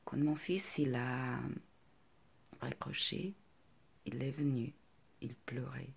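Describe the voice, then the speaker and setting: A middle-aged woman with a non-native French accent, speaking softly and hesitantly in a confiding personal vlog, often close to a whisper. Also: rumbling low, fairly even intonation, slow pace, vocal fry, breathy edge.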